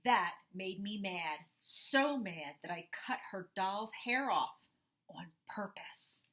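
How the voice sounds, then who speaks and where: A woman narrates a children's storybook in the first person, voicing a grumpy young boy cow in an indignant, dramatic way. Her mid-range voice is animated and a bit bright, and she takes it slowly.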